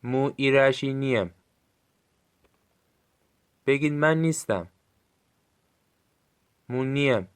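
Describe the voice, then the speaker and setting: A man with a Gilaki accent giving a recorded language lesson, saying short phrases slowly and clearly for listeners to repeat. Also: medium pitch. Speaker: language teacher.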